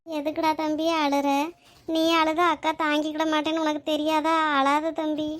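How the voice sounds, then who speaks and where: A high-voiced, motherly elder sister in a cartoon, voiced by a woman. She speaks in an affectionate, pleading, emotional way. Her pitch is high but stays in a narrow band. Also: completely flat delivery, normal speed, lightly acted. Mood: tearful, loving. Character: loving elder sister and wife, motherly and tearful. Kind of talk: Tamil cartoon drama voice acting.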